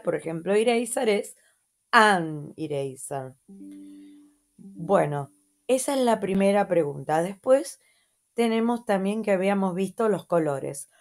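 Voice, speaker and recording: Argentine woman teacher, unhurried and patient, a touch low, keeps checking in. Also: darkish tone. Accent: Argentine Spanish. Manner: slow, patient, repeats words and adds checking "¿mm?". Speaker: English teacher. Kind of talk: slow lesson review for children.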